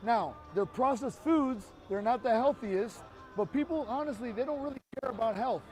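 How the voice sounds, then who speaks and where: Recorded roughly, a street activist with a very high-pitched voice speaks at normal speed to a passerby on a city street. He argues his point earnestly and emphatically.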